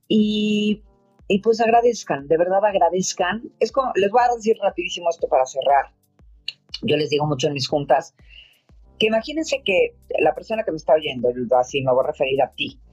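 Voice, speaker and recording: A woman's voice: sits low, darkish tone, slightly rough. A Mexican woman who leads a codependency support group, giving rambling, chatty advice full of fillers. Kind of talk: casual advice talk. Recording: dull lo-fi audio with faint music.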